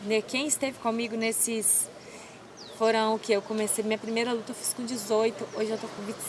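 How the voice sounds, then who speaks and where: A woman's voice: fairly high pitch, a little fast, a little hiss or hum. A woman in her twenties from Brazil, an MMA fighter telling her story in an interview with devout, emotional feeling. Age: 20s. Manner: emotional, devout, animated retelling. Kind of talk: casual interview.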